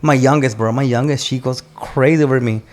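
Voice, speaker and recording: A man's voice: medium pitch, fairly even intonation, brisk, darkish tone. A man in his forties, a military veteran and father, telling rambling stories on a podcast with many restarts. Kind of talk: casual storytelling chat.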